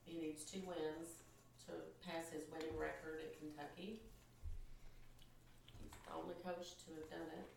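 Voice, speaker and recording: A woman's voice: low-pitched, level tone, unhurried, creaky, long pauses, a little mellow, a little hiss or hum. A woman co-hosting a casual sports chat, reading out stats with hesitant fillers. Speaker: podcast co-host. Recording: very echoey, distant from mic.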